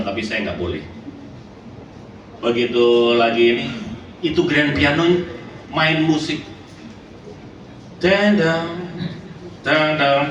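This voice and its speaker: A man preaching a sermon, telling stories with big swings in pitch and calling out for amens from the congregation. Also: fairly bright tone. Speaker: pastor. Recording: echoey hall from far off, noisy.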